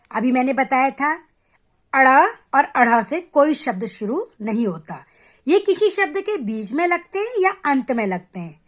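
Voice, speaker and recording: A woman teaching a grammar lesson to children, patient and step by step, addressing them directly and sounding out letters slowly to show how they are said. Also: high voice. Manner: repeats sounds slowly and clearly to demonstrate.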